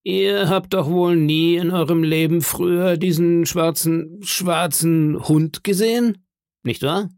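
A man playing a jovial one-legged pirate innkeeper in a storybook, hearty and blustering, raised higher than a plain voice. The delivery is slow and gravelly, with a lively swing in pitch. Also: dry recording, studio quality. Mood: stern. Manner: hearty, booming, feigned indignation.

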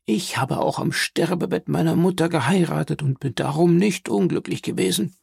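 A man's voice: a little high, normal speed, vocal fry, a little mellow, slightly rough, no echo, studio quality, heavily acted. A man voicing a frail, stern old grandmother who speaks in an imperious, insistent way, in an audiobook reading. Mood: commanding.

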